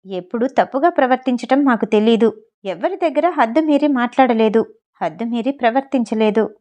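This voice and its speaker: A woman's voice: on the high side, lively intonation, moderate pace, a little mellow, close to an everyday voice. A woman voicing the bride's worried older father, protesting to the police, in a storybook reading. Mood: earnest. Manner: anxious, protesting.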